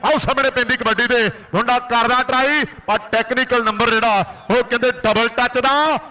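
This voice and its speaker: A male commentator with a Malwa Punjabi accent gives frantic rural sports commentary. His voice is pitched extremely high with a forceful, sharp edge. He follows the kabaddi in a running play-by-play. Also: steady tone, moderate pace. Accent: Punjabi from Indian Punjab's Malwa region.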